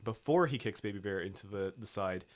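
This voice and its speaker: A man's voice: lowish voice, brisk. A man co-hosting a film podcast, recapping a movie plot in casual, profanity-laced chat and acting out lines. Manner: swears freely, acts out movie lines. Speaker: podcast co-host.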